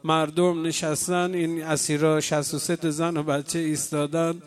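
Man, religious mourning reciter, chanted lament, fairly high voice, monotone sing-song. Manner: emotional, sing-song chanting, addresses the congregation.

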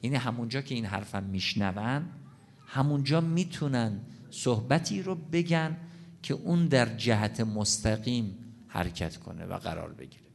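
A man's voice: medium pitch, gravelly. Earnest man preaching a sermon. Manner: earnest, explanatory, addresses audience directly.

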